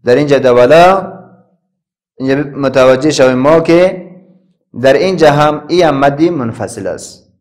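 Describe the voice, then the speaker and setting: A man with an Afghan Dari accent teaching a Quran class, spelling out letters and vowels slowly and chanting the verses. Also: medium pitch, darkish tone. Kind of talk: classroom recitation lesson.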